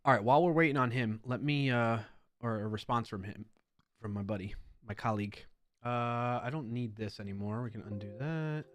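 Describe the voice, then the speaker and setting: A man hosting a casual live coding stream, chatting with his viewers and wandering off on friendly tangents as he works. His voice sits at an ordinary middle pitch. The sound is close and dry. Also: moderate pace, no echo. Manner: chatty, talks to chat, rambling asides. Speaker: livestream host.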